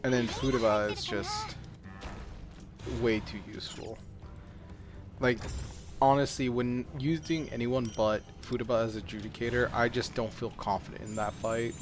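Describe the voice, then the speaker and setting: A man talks through a game in a casual, meandering way at a middling pitch. He is self-deprecating and unpolished, like someone chatting to viewers while playing. Game music plays clearly behind his voice, along with mouse clicks. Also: steady tone, moderate pace. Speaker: gaming video creator. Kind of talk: casual gameplay commentary.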